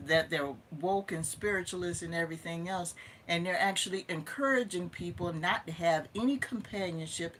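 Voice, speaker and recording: Southern woman in her fifties, live-stream host; bright, forceful, opinionated delivery that hammers points home. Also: fairly low pitch, slight background noise. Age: 50s. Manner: emphatic, opinionated, repeats herself for stress. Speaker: livestream host. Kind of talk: casual livestream talk.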